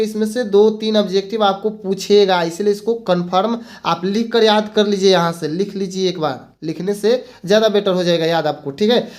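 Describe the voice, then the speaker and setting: A teacher gives an exam-prep grammar lesson, repeating points and mixing in English words. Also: mid-range voice. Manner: asks rhetorical questions and answers them.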